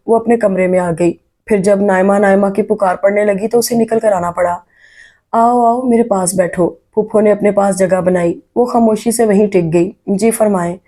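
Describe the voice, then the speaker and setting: A woman's voice: mid-range voice, mellow. A woman narrating a novel as an audiobook, reading out the characters' lines herself as she goes. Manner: voices the characters' lines within her reading.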